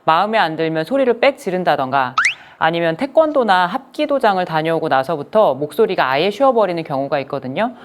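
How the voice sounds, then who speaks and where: A woman with a fairly low voice speaking on a medical panel discussion. She sets up her question in a calm, measured way. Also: noisy background. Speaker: professor asking a panel question.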